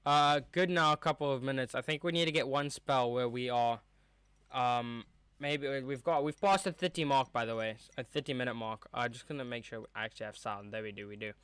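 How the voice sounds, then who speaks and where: Streaming a watchalong through a mic with a cover on top, a young man comments casually on the match, reacting to each play and rambling on. His voice is bright, crisp and mid-range, fairly quick, with no room sound.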